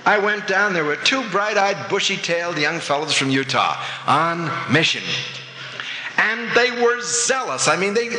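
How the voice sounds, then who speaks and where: A man preaching a sermon, telling an animated anecdote and acting out the voices of the people in it. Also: a little high, slight background noise. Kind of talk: sermon with storytelling. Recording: echoey hall with long reverb.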